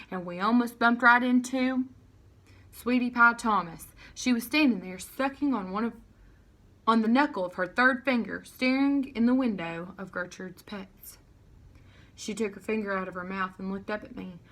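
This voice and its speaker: A woman narrates a children's novel aloud in an expressive storytelling style, her voice on the high side and her pace moderate.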